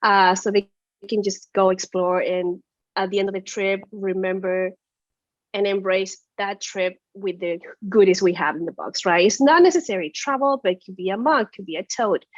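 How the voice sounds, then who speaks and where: A woman's voice: mid-range voice, moderate pace, no echo, muffled recording. A woman from Chile, a guest entrepreneur, answering interview questions earnestly with lots of "uh" and "like". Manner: earnest, many "uh" and "like" fillers.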